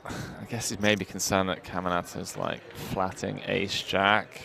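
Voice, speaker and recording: A man's voice: sits low, little pitch movement, a little slow, vocal fry, pushed and bright. A man co-commentating a live poker stream, bantering and reading viewer chat aloud.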